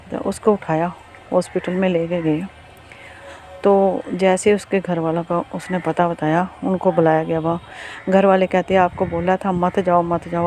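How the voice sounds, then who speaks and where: A storyteller spinning a spooky tale in a loose, conversational way. The voice sits at a middling pitch and stumbles forward, circling back and repeating itself as the story builds. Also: dark tone. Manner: halting and repetitive, restarts often. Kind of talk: casual spoken ghost story narration.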